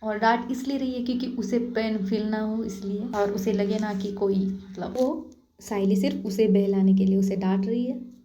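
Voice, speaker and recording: A woman's voice: medium pitch, steady tone, normal speed, mellow, a little hiss or hum. A woman narrating a love story in a casual, chatty way, with direct asides to listeners. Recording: echoey room, dull lo-fi.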